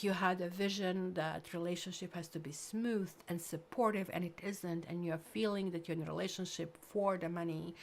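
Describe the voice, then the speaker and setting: A woman's voice: fairly low pitch, vocal fry. A woman, giving a rambling, chatty tarot reading to camera, full of fillers. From Croatia. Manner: chatty, rambling, full of "like" and "kind of", lively bursts. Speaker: tarot reader.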